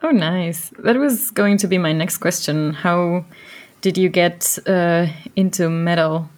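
Woman co-host with quick follow-ups. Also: fairly low pitch. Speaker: podcast co-host. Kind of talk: casual interview chat.

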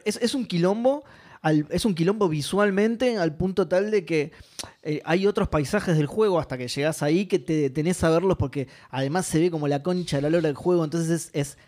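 A young man with an Argentine accent chats about games on a podcast. His voice sits fairly high, and he talks in an animated way, full of swearing and laughter. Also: a little fast. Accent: Argentine Spanish. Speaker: podcast co-host. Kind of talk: casual gaming chat.

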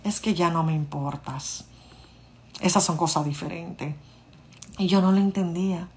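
Woman in her 30s, casual storytelling vlogger, animated, speaks straight to her audience. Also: lowish voice, a little slow. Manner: animated, addresses listeners directly, acts out dialogue.

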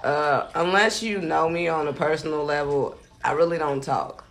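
A man's voice: fairly high pitch, normal speed, vocal fry, fairly bright tone. A man in his twenties, a comedian from the Kansas City area, chatting as a podcast guest with dry, self-deprecating humor. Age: 20s. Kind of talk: casual interview chat.

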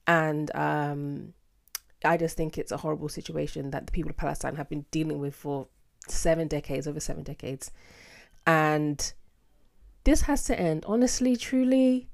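A British woman hosting a casual solo podcast, with a sassy, theatrical, slangy and expressive way of talking. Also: deep voice, normal speed, vocal fry. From United Kingdom. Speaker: podcast host.

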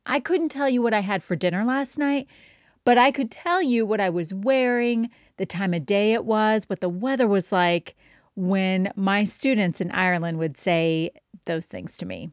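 A woman's voice: mid-range voice, no room sound. A woman from Indiana in her thirties hosts a casual podcast monologue about her teaching. Her voice sits in a middle register, and she talks in a chatty, self-deprecating way with plenty of "like". The room sound is dry and close. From Indiana, United States. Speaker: podcast host, art teacher.

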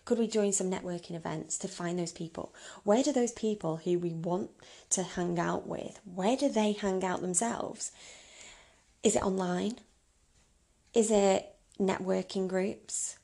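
Speaking at a measured pace, she has a creaky yet mellow mid-range voice. The roughly thirty-year-old podcast host gives informal solo advice in a candid, chatty way, regularly throwing out rhetorical questions.

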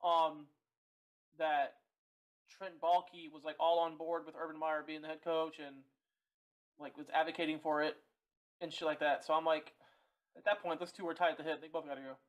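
A man's voice: fairly high pitch, flat delivery, normal speed, pauses often, dull audio. Blunt, slangy young man. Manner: blunt, slangy, cursing freely. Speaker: podcast co-host. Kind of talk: casual sports chat.

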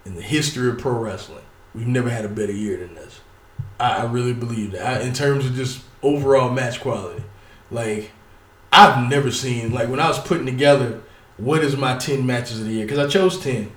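A man talks loosely and at length, cursing freely and stumbling over his words. He sits some way off from the mic, so his voice sounds distant. The room around him is echoey. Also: mid-range voice. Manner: profane, rambling, stuttering, filler-heavy. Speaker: wrestling commentator. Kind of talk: casual solo talk.

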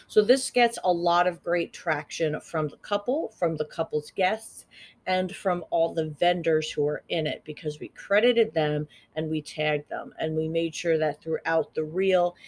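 A woman's voice: sits low, a little mellow. A woman hosting a podcast on her own, giving social media tips in a chatty, upbeat way and laughing at her own jokes. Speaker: podcast host. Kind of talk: casual solo podcast tips.

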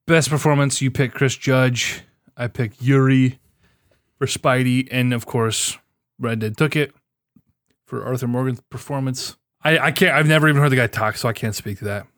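A young man co-hosting a podcast, sarcastic and animated, swearing as he goes over award results. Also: mid-range voice, normal speed, no room sound, studio quality. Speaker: podcast co-host. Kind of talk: casual chat.

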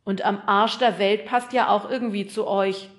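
A woman voicing an easygoing, dreadlocked male postman in an audiobook, chummy and loud. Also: medium pitch, fairly even intonation, moderate pace, close to an everyday voice.

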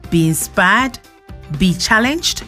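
A woman's voice: mid-range voice, animated, slow, music in the background. A woman who hosts a podcast and works as a journalist, giving a scripted introduction and then asking questions with short affirming interjections.

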